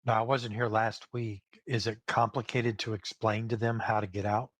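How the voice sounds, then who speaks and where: Husky-voiced man at the game table. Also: fairly low pitch, flat delivery, moderate pace. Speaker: player. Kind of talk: casual chat at the game table.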